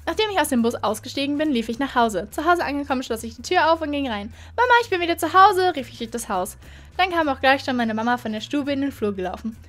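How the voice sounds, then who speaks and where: A young woman in her twenties, a YouTuber, reading fanfiction aloud and chatting amused comments in between. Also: sits high. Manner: chatty, amused asides between read passages.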